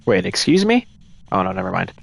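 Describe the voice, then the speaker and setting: A man's voice: sits low, huge pitch swings, a little fast, vocal fry, slightly rough, no room sound. A man streaming a ghost-hunting game live, casually thinking aloud and explaining his moves to the chat. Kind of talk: live gameplay commentary.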